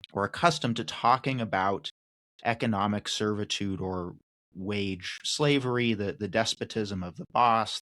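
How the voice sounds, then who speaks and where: A man hosting a podcast lays out a long, carefully built question, stacking up examples as he goes. His voice sits low, and the recording is dry and close with no room sound. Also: fairly bright tone, dry recording, poor audio. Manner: measured, builds long questions with lists. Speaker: podcast host. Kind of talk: interview question.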